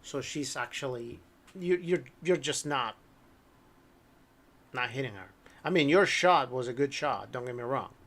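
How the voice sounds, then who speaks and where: A man running a tabletop horror game as game master, relaxed and hesitant, often clearing his throat and saying um. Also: mid-range voice, unhurried, pauses often.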